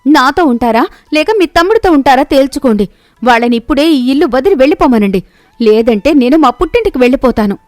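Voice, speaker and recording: A woman voicing a domineering, shrewish young wife who scolds and taunts in a shrill voice. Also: lively intonation, fast, a little mellow, no echo, clean studio sound, faint music behind. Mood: scolding. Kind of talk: animated storybook voice acting.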